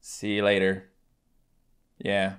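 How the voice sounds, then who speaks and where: This clip has the Newfoundland gaming YouTuber, a man in his twenties, speaking slowly and in a monotone, his low-leaning voice smooth and fairly bright. He keeps to a casual, hesitant vlog chat to camera, self-deprecating and thick with his Newfoundland accent, from a small indoor room with acoustic foam.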